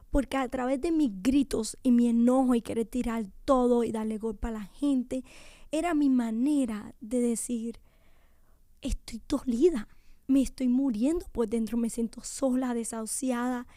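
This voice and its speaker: A woman's voice: fairly high pitch, dark tone, dry recording. A young woman giving an emotional personal testimony in a radio studio, often sinking to a near whisper.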